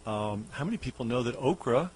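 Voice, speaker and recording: A hoarse man who is losing his voice, a radio guest telling music history in a loose, explanatory way with many fillers. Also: mid-range voice, expressive, a little fast, darkish tone, slight background noise, rough recording. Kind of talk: casual radio history talk. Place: radio studio.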